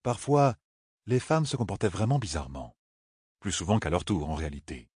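Male audiobook narrator, deep and husky, steady delivery. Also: moderate pace, dry recording, clean studio sound. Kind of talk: scripted narration.

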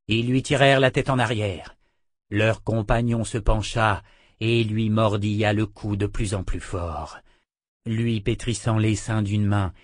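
A man narrating a dramatic fantasy novel as an audiobook, in a measured reading voice. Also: fairly low pitch, no echo, clean studio sound.

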